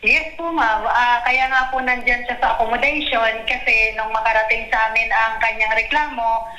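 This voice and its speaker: Polite woman welfare officer: bright voice, slightly high, heard over a dull, roomy phone line. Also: steady tone, moderate pace. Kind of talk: phone interview. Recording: muffled, echoey phone line.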